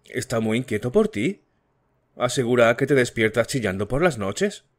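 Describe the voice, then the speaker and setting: A man voicing a gentle, curious young woman. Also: mid-range voice, big pitch swings, moderate pace. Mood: probing.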